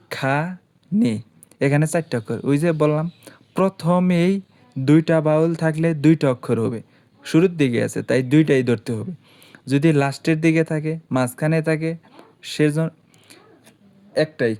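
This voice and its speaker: A man's voice: a little high, warm tone. Man patiently teaching a lesson. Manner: slow, patient explaining, drawing out syllables as examples. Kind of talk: online lesson.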